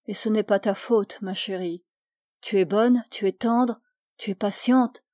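A woman's voice: mid-range voice, steady tone, measured pace, warm tone, dry recording, clean studio sound, close to an everyday voice. Woman reading as a remorseful young lover. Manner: pleading, self-reproaching.

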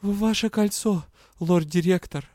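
A man reading an audiobook, voicing a spirited young woman, a sharp-tongued student of curses, with defiant, quick retorts. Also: sits high, animated, dry recording, clean studio sound, pitched above the performer's own voice. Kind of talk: audiobook character voice.

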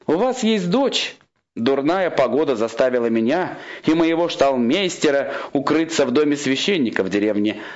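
A man's voice: mid-range voice, pitched above the performer's own voice, close to an everyday voice. A cunning storybook trickster in a monk's disguise, coaxing and coolly ironic, played by a male reader in a raised voice that drawls out key words. The recording sounds slightly muffled. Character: sly disguised monk, a cunning little grey man.

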